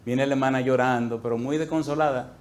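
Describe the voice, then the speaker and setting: A man preaching a sermon to a congregation, telling a story with acted-out dialogue and swinging between loud outbursts and quiet asides. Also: medium pitch, fairly even intonation, quick pace. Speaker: pastor. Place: church, before a congregation.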